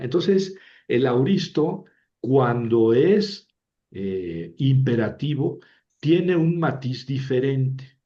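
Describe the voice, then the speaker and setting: The dull, lo-fi recording captures a man with a warm, mid-range voice giving a language lecture. He explains things patiently, regularly checking understanding with "¿verdad?"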